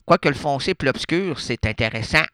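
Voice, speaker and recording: A man's voice: medium pitch, expressive, brisk, sharp tone, no echo, studio quality. A man with a Québécois accent hosting a radio show, rambling through absurd monologue and playful wordplay with lots of hesitations. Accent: Québécois French. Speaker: radio host. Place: radio studio.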